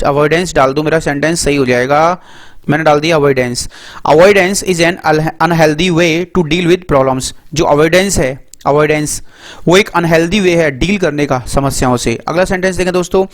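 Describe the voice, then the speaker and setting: A man teaching English grammar in a casual lesson, often checking in with his listeners and reading example sentences slowly aloud. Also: fairly high pitch. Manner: repeats "ठीक है" and "दोस्तों", reads English sentences slowly aloud.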